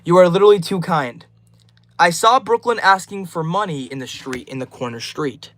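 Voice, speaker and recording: A man's voice: sits high, moderate pace, a bit bright. A twenty-year-old man live streaming, reading out chat names and answering each message in a friendly, upbeat way. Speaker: livestreamer.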